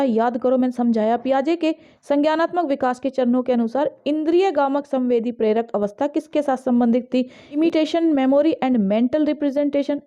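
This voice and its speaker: A woman with an Indian accent giving an exam-prep lesson, reading English questions slowly and explaining them briskly in Hindi. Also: high-pitched, mellow. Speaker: teacher. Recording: dull lo-fi audio.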